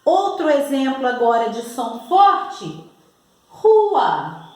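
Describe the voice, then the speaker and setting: A Brazilian woman teaching young children to spell, slow and over-enunciating as she talks straight to the child. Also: high voice, very animated. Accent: Brazilian Portuguese. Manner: patient, over-enunciating, addresses the child directly. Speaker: primary school teacher. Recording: echoey room.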